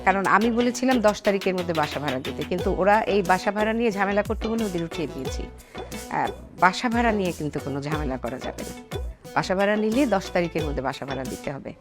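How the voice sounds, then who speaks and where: This is a bossy middle-aged landlady in a comedy sketch, played by a woman. Her voice jumps up and down lively and fast as she sets conditions. Music plays clearly behind her. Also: lowish voice, lightly acted. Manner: bossy, fussy.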